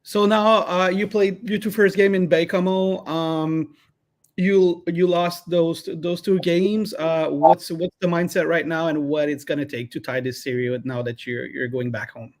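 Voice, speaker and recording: A man hosting a live online interview, halting with many fillers and restarts. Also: fairly high pitch, steady tone. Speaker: interviewer host.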